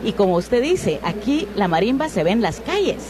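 A woman's voice: mid-range voice, sing-song, normal speed, a crowd in the background. A woman, a book editor and interview guest, explaining things in an enthusiastic, flowing way. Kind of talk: interview answers. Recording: noisy outdoor traffic background.

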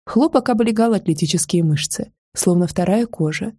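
Husky-voiced woman narrating an audiobook. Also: mid-range voice, animated, normal speed, dark tone, no echo, clean studio sound. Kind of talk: first-person audiobook narration.

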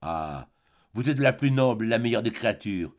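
A man's voice: fairly low pitch, lively intonation, moderate pace, natural voice. A man reading a timid young artist. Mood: earnest. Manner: hesitant, earnest. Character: naive, timid young male artist under thirty.

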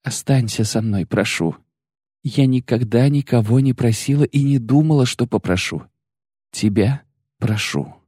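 A man reading an audiobook, voicing a proud, sharp-tongued sorceress who speaks with biting, bitter mockery. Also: medium pitch, animated, normal speed, breathy edge, no echo, clean studio sound, voice pushed up. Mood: pleading. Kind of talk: audiobook character voice.

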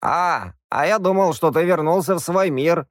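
A man's voice: a little high, big pitch swings, normal speed, dry recording, clean studio sound, voice pushed up. A man voicing a hesitant, fussy old court wizard. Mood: eager.

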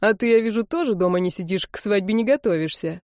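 A woman's voice: mid-range voice, expressive, quick pace, darkish tone, dry recording, clean studio sound, close to an everyday voice. A woman doing a laid-back young rocker guy. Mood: teasing. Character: rough cheerful long-haired young rocker man.

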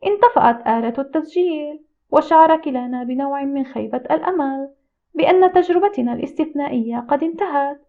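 A woman reading a first-person audiobook in a steady, reflective storytelling manner. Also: high voice, fairly quick. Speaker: audiobook narrator. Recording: tinny phone-like audio.

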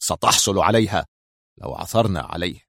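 A man's voice: low-pitched, brisk, no room sound, studio quality, voice pushed down. A man voicing a cold, stern male intelligence officer who speaks curtly, in a storybook reading. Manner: cold and curt.

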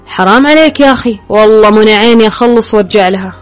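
A woman's voice: mid-range voice, rapid-fire, darkish tone, soft background music, close to an everyday voice. A woman voicing a casual, teasing young man who speaks, in an audiobook. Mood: bantering. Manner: colloquial, bantering.

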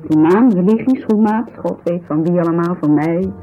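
An actress with a lowish voice, speaking naturally at a moderate pace over soft background music, plays a distraught, indignant woman in a 1970s Dutch radio drama. Describing her injured friend, she tells the story with agitated, bitter emphasis and tag questions. The recording is muffled, typical of 1970s radio.

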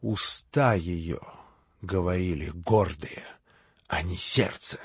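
A man voicing a bitter, venomous young woman in an audiobook, speaking low and slow, husky, in a dull lo-fi recording. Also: no echo, full character voice. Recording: dull lo-fi audiobook with faint music.

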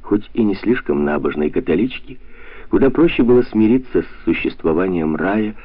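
A man narrating a novel in a measured, literary storytelling manner. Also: low-pitched, lively intonation, husky, no echo. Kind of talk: audiobook reading of a novel. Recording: dry, tinny narrowband audio.

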